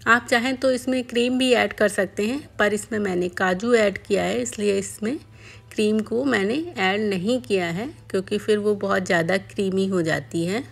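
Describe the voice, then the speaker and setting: A woman calmly narrating a home cooking tutorial step by step as a voice-over. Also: medium pitch, normal speed, gravelly. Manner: calm step-by-step explaining. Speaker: cooking channel host.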